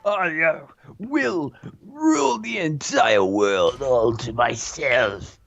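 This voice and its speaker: Megalomaniac slime monster, slow drawl, gritty fry; man doing the voice, muffled mic. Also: medium pitch, lively intonation, a crowd in the background, heavily acted. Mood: gloating. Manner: slow, gravelly villain boasting. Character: megalomaniac giant male slime monster, gloating. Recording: dull lo-fi mic.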